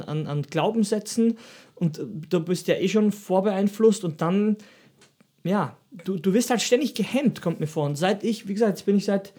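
A man's voice: high voice, warm tone, slightly rough. A man from Austria talking in a casual podcast chat, rambling and reflective with many restarts. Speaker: podcast co-host.

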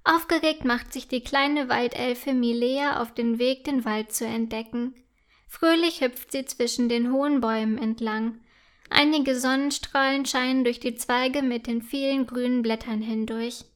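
A woman narrating a children's story in a gentle, clear and expressive way. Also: fairly high pitch, unhurried.

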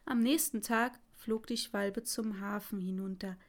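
Slow, calm woman reading a fairy tale. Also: mid-range voice, gravelly. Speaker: storyteller. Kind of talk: scripted fairy-tale narration.

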